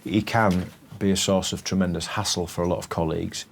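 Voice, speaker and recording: This middle-aged man, a head teacher with a Yorkshire accent, describes his school and pupils firmly, plainly and in a measured manner for a documentary interview and school talk. His low voice is steady with vocal fry, over a little hiss or hum.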